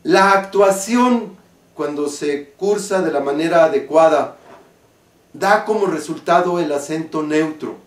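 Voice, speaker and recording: A man with a Mexican accent, an acting teacher explaining stage diction slowly and deliberately. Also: a little high. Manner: slow, deliberate, carefully articulated explanation. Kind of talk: spoken lesson on stage diction. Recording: roomy, from a distance.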